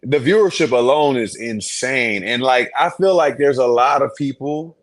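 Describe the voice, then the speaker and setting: A man's voice: medium pitch, moderate pace. A man co-hosting a casual podcast, rambling with many restarts and getting worked up as he goes. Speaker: podcast co-host. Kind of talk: casual sports podcast chat.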